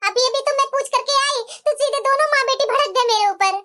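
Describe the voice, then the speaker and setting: A woman's voice: extremely high pitch, fast, pushed and bright. A woman voicing a put-upon young daughter-in-law in a cartoon, pleading and complaining. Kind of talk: cartoon voice acting.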